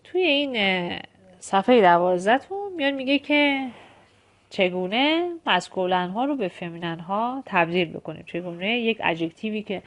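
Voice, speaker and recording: A woman whose first language is Persian teaches French grammar in an online lesson, explaining step by step and reading French examples slowly and deliberately. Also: medium pitch.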